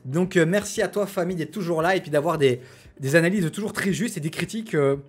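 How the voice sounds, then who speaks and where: A man's voice: a little high, fairly quick, slightly rough, faint music behind. A man with a French accent hosting a casual live stream, chatty, with many fillers and restarts as he reads out his chat. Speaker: Twitch streamer host.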